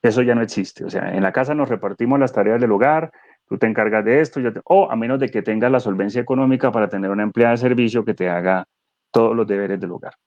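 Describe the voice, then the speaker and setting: Animated man explaining on a dull call. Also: lowish voice, quick pace, no echo. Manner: animated, explanatory, with rhetorical questions. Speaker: guest speaker, neuro-coach. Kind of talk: conversational webinar talk.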